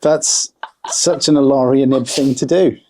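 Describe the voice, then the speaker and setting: A man's voice: mid-range voice, steady tone, a little slow, a little mellow. A man in his forties hosting a podcast, chatting casually in a jokey, teasing way. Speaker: podcast host. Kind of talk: casual chat.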